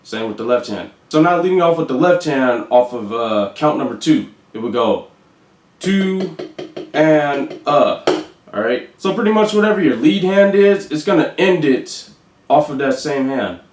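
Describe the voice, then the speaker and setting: A man teaching drum rudiments, counting beats aloud in a casual, unhurried way with some fillers. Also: a little high, expressive, reverberant, noisy background. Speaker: drum instructor.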